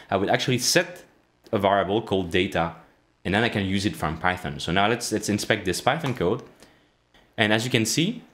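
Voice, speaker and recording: A low-voiced man in his thirties hosts a relaxed, casual coding walkthrough over screen-share. He's halting, full of fillers and restarts, and is recorded up close in a small indoor room with a plain wall.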